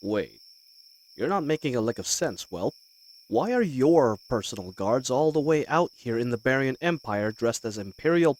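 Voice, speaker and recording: A man's voice: medium pitch, close to an everyday voice. A man playing a roguish, good-humoured bandit leader in a fantasy audio roleplay, talking in a folksy, teasing and hesitant way.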